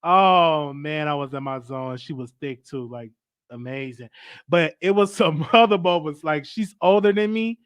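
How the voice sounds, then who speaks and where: A man in his twenties with a Southern US accent, a show host telling a casual, animated story on a live stream in slangy, repeating phrases. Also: on the high side, unhurried, clear, resonant tone, no echo. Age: 20s.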